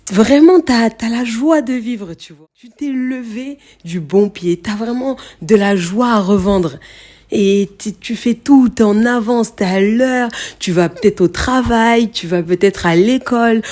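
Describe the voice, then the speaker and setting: A woman's voice: medium pitch, darkish tone. A young woman hosting a podcast, talking straight to the listener in a casual motivational monologue, with many fillers and repeated words. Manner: speaks directly to the listener, frequent fillers and repetitions. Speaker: podcast host.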